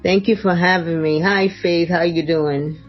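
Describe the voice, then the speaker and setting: A woman's voice: fairly low pitch, fairly even intonation, unhurried, lo-fi sound, faint music behind. A woman guest author, raised between the United States and Nigeria, telling her story in a conversational interview and restarting her sentences often with "um". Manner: warm storytelling with frequent restarts and "um"s.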